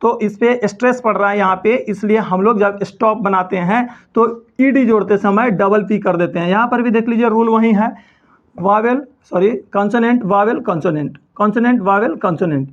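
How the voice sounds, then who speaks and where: A man's voice: high-pitched, normal speed. A man teaching a spelling lesson, who keeps asking his own questions and answering them. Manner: repeats key points as questions and answers them himself. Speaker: English teacher. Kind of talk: spoken lesson explaining spelling rules. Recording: dull lo-fi sound.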